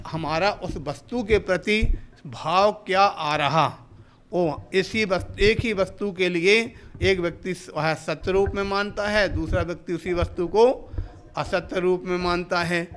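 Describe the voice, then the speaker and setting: Into a hall microphone, a Jain monk with a high, fairly bright voice preaches a discourse, walking listeners through ideas step by step. He asks rhetorical questions and plays out short everyday conversations.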